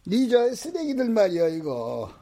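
Very old village man, slow and halting, swinging pitch, flustered radio drama character. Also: wildly swooping pitch, dark tone, exaggerated voice. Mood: worried. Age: 80s. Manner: halting, stumbling delivery. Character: very old rural man, flustered, worried collector.

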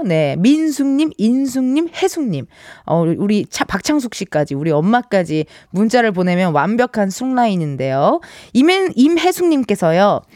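Chatty radio DJ woman, lively voice. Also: fairly high pitch, no echo, studio quality. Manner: chatty, laughs easily. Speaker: radio host. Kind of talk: radio DJ reading listener texts. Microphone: studio microphone.

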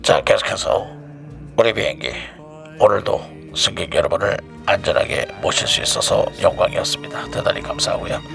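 A man's voice: low voice, a little fast, gravelly, a bit bright, faint music behind, pitched below the performer's own voice, heavily acted. A man speaking in the voice of a male airline captain making in-flight announcements to passengers, in a formal, announcer-like delivery. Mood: courteous. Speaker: radio co-host.

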